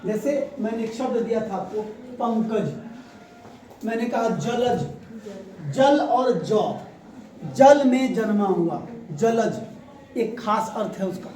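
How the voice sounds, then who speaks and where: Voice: mid-range voice, slow, long pauses, dark tone. Teacher quizzing a roomy classroom. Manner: quizzes the class and repeats key answers. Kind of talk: classroom grammar revision lesson. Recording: echoey room, voice from far off.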